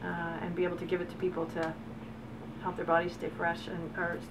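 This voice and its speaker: A middle-aged woman talks about her farm in an easy, enthusiastic way, stopping often for "um" and "you know". She sits some way from the microphone, and steady background noise runs under her voice. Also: fairly low pitch, fairly quick. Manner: enthusiastic, chatty, many fillers. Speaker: farm owner. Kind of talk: casual interview storytelling. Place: outdoors on a farm. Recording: distant mic with background noise.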